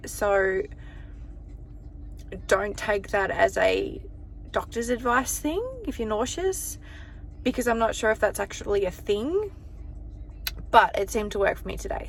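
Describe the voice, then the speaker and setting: A woman's voice: medium pitch, gravelly, slight background noise. A young pregnant woman with an Australian accent, chatting casually through a day-in-the-life vlog with ums and small laughs. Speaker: vlogger.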